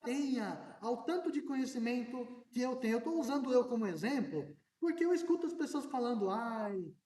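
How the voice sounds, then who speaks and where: A pastor with a strikingly high voice moves fairly quickly through an energetic sermon, at times nearly shouting. The mic sits some distance away, so he sounds far off, with the hall's echo ringing around him.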